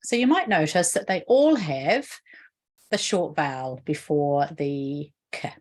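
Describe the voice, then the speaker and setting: A literacy educator with a New Zealand accent explains a spelling rule in an instructional video, patiently and often asking the viewer questions. Her deep, darkish voice has lively intonation and a slow pace.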